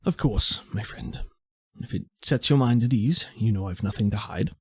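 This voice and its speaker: A game master putting on a tired male leader who soothes with soft, weary reassurance. The tone is husky and hushed, and it is captured close and dry. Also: fairly low pitch, expressive, normal speed, no room sound, full character voice.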